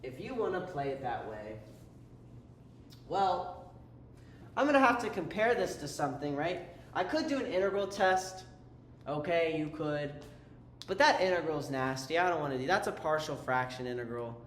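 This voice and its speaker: A man with a slightly high voice, speaking at normal speed, tutors a calculus lesson in a casual, chatty style, breaking off mid-sentence and dropping playful asides. There's roomy echo and faint ambient noise.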